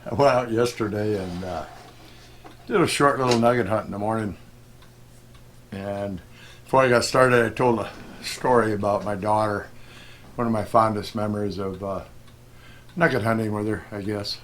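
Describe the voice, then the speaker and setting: Brief: middle-aged man, lowish voice, folksy rambling storyteller outdoors, faint noise behind. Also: normal speed, pauses often. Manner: folksy, rambling, with chuckles and many fillers. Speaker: gold prospecting vlogger. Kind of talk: casual storytelling. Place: outdoors at a desert detecting spot.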